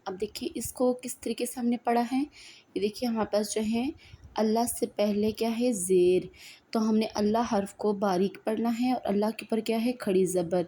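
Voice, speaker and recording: A woman teaching Quran recitation step by step, asking questions and answering them herself, checking in with "right?" and reciting slowly as examples. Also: medium pitch, fairly even intonation, mellow. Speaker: tajweed teacher.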